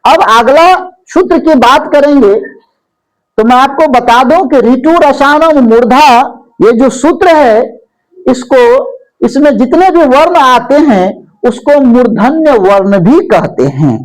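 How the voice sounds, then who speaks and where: A woman's voice: sits high, expressive, a little slow, poor audio. A woman teaching a grammar lesson, repeating each term and asking and answering her own questions. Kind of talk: classroom lesson.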